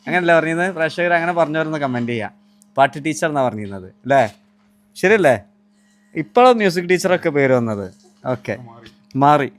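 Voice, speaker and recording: A man's voice: on the high side, animated, brisk, long pauses. A man, a vlogger casually interviewing a child performer and urging viewers to comment and share.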